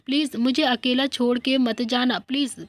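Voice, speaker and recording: A woman's voice: high-pitched, fairly even intonation, normal speed, no room sound, natural voice. A woman voicing a frightened young woman locked in a room, who pleads tearfully and keeps saying "please". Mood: tearful pleading.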